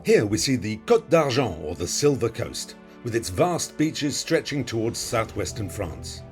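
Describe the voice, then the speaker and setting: A man's voice: mid-range voice, sing-song, unhurried, faint music behind. A man narrating in a scripted, explanatory voice-over with an instructive manner. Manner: instructive, quizzing the viewer. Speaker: flight video narrator.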